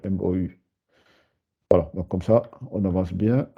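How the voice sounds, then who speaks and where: A man leads a beginner lesson, breaking words into syllables and drawing them out slowly, with frequent hesitant fillers. His voice sits low. The recording is dull and lo-fi. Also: steady tone, creaky, husky. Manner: patient, spells syllables slowly, many hesitations. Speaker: Arabic teacher. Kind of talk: live beginner lesson with students.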